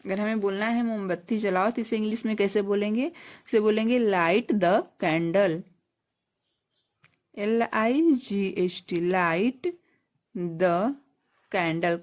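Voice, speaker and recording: Slow, patient woman spelling out words. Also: mid-range voice, a little mellow. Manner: spells words letter by letter and repeats slowly; asks and answers her own questions. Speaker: English teacher. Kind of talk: slow spelling-out English lesson.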